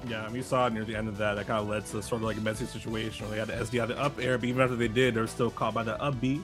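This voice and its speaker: A man's voice: lowish voice, flat delivery. Casual man co-commentating a fighting game. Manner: casual, reacting with quick exclamations. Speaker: esports co-commentator. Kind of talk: live match commentary. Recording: game music behind the voice. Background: game music.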